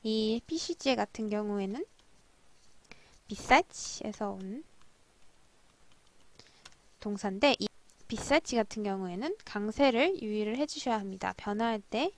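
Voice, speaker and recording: A young woman teaching Russian from drama scenes, who slowly spells out words and repeats drills. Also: medium pitch, expressive. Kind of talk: language lesson explaining drama lines.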